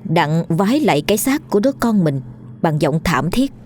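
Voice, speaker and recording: A woman narrating a horror story in a steady storytelling manner. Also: lowish voice, normal speed, slight background noise.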